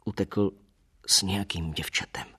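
A man voicing a troubled young male seminarian who speaks haltingly and reluctantly, as if every word is a burden. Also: low voice, fairly even intonation, bright, forceful tone, breathy edge, exaggerated voice.

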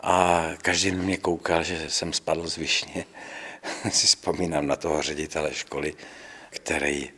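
An older male priest tells his story with a deep, husky voice. He speaks with calm conviction, slipping into the voices of the people he quotes. It sounds like an interview. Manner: storytelling, acts out quoted dialogue. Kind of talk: recounting memories in an interview.

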